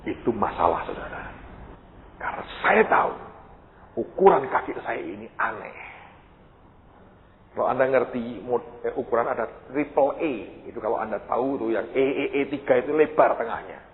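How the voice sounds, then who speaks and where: A man preaching a storytelling sermon as a pastor, acting out dialogue with sudden high outbursts. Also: lively intonation, normal speed. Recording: echoey hall, tinny lo-fi sound with faint noise.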